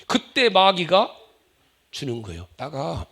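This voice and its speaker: A male pastor preaching a humorous, animated sermon, acting out the voices he quotes. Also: fairly high pitch, slow, gravelly, husky.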